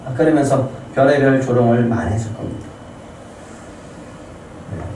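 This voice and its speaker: A man's voice: mid-range voice, warm tone. A man preaching a fervent Sunday sermon as pastor, often tossing "예" to his congregation. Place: church sanctuary. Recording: roomy distant church recording with faint noise.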